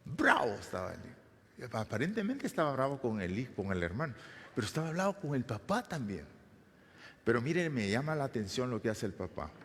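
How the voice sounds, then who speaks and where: A man's voice: medium pitch, sing-song, a little fast, a bit bright, slight background noise. A man preaching a sermon as pastor, retelling a scripture story and asking his congregation questions. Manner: retells scripture, briefly voicing the figures; addresses the congregation as brothers, asks questions. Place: church hall. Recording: long echoing church hall reverb.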